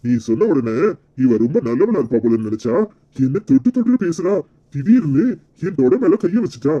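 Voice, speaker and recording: Casting: a man playing a sly village uncle in a cartoon, husky, dark, lively pitch, Kanyakumari Tamil accent, dull lo-fi sound. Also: moderate pace. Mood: self-righteous. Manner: sly, tattling, self-righteous. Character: scheming middle-aged village uncle, sly accuser. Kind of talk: cartoon comedy voice acting.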